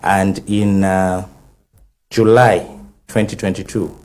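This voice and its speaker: A man with a Zambian English accent, speaking as legal counsel on a TV panel and methodically recounting a timeline with many pauses and fillers. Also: low-pitched, flat delivery, a little mellow. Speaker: legal counsel for a conservation group. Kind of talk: studio TV panel discussion.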